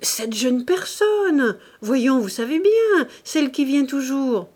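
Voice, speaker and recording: A woman's voice: high-pitched, very animated, slow pace, darkish tone, voice pushed up, heavily acted. A woman voicing an old concierge, calling out shrilly in a storybook reading. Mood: insistent.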